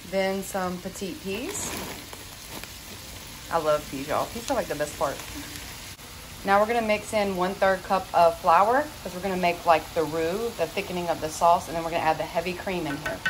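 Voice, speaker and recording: A woman whose voice sits on the low side narrates a casual cook-along in a chatty, folksy manner. She's a home cooking vlogger working in her indoor home kitchen, and frying sizzle and kitchen noise come through clearly in the recording.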